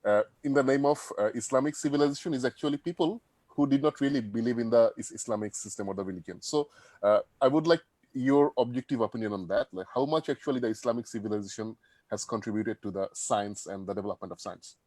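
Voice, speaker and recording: A man's voice: mid-range voice, fast talker, darkish tone, dry recording. A man from Bangladesh, hesitantly asking a question in an online interview. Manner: hesitant, searching for words. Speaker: audience member asking a question.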